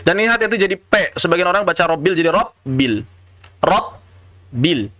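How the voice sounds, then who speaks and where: A high-pitched man with an Indonesian accent, recorded dry, teaches the tajwid rules of Quran recitation. He slowly demonstrates correct and incorrect pronunciations in recited examples, stressing points with lively, teacherly emphasis.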